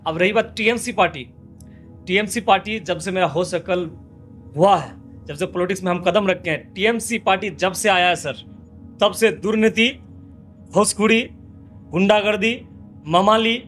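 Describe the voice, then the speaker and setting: A man's voice: high voice, normal speed, fairly bright tone, faint music behind. A man, a local politician, answering interview questions in impassioned, repetitive rhetorical lists. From West Bengal, India.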